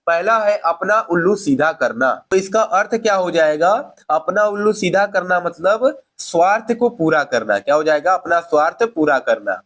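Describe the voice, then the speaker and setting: A male teacher walking students through an exam paper, asking questions and answering them himself, with frequent fillers. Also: high voice. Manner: explains step by step, asking and answering his own questions; fillers like "theek hai". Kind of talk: exam paper walkthrough lesson.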